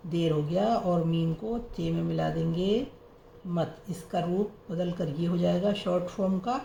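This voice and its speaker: A woman teaching reading and writing, spelling out each letter and sound slowly and repeating the words. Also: on the low side, vocal fry, dark tone, muffled recording. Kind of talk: slow letter-by-letter reading lesson. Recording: echoey room with faint noise.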